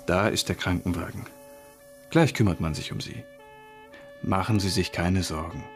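An actor playing a calm, reassuring police commissioner in a German radio play, speaking in a soothing, concerned way. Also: male voice, low voice, normal speed, faint music behind.

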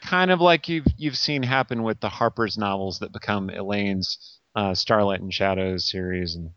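A novelist guest chats about his books in an easygoing, self-mocking way. He is a man with a fairly low voice, full of ums and small laughs. His sound is dull and lo-fi. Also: normal speed, fairly bright tone, no room sound. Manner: chatty, self-deprecating, lots of ums. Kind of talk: casual podcast chat.

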